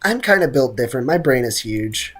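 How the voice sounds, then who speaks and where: A game streamer chats casually with viewers during a livestream, joking in slangy, mock-boastful commentary. The voice is medium-pitched, sing-song, and fairly quick.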